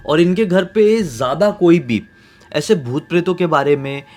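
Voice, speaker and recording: A man's voice: on the high side, normal speed. Dramatic male horror storyteller. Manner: dramatic, swings from loud to hushed. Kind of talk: casual horror story telling.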